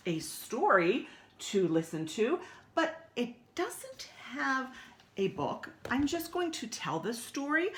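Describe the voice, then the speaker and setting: Simple, encouraging and full of repetition, a woman's mid-range, somewhat bright voice guides small children through story time, explaining the songs, stories and activities.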